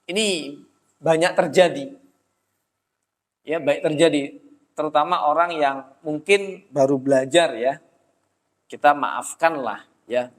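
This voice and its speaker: A man giving a religious study lecture in a prayer room, often asking questions and answering them himself. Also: on the high side. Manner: addresses listeners as "Pak", asks and answers own questions. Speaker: religious teacher. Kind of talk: Islamic study-circle lecture. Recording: long hall reverb.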